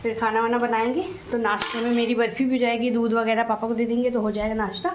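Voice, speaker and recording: A woman's voice: fairly high pitch, little pitch movement, fast. A woman in her thirties chatting away in a rambling, motherly way while cooking, filmed on a phone at arm's length in a small home kitchen. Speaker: vlogger. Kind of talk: casual cooking vlog chat. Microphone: phone camera at arm's length. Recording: echoey kitchen, faint frying noise.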